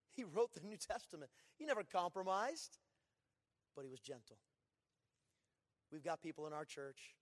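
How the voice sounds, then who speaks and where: High-pitched preacher guy in his 40s, folksy stories, loud then hushed, big church echo. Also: big pitch swings, unhurried, long pauses. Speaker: pastor. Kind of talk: sermon. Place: church sanctuary. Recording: long church reverb.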